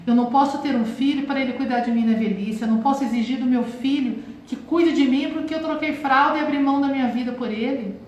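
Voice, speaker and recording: A woman's voice: high voice, fast talker, few pauses, darkish tone. A Brazilian woman in her forties, hosting a reflective spiritual talk and often calling her listeners "gente". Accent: Brazilian Portuguese. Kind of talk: live-streamed motivational talk. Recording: very echoey room, faint hiss.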